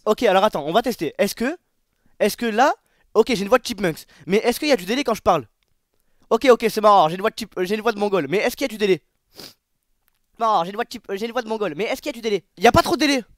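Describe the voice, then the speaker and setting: Man with a squeaky chipmunk voice changer. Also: lively intonation, no echo, studio quality. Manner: quick, repeats himself while testing audio delay. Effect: high-pitched chipmunk voice changer. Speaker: roleplay gamer testing his voice. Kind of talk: casual game roleplay chat.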